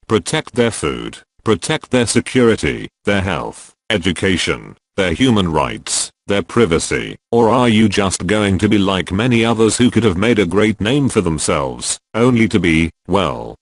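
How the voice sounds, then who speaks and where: A man reading out a solemn, measured scripted statement as a spokesman, his voice disguised and electronically deepened. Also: big pitch swings, no echo. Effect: disguised deep voice, electronically altered.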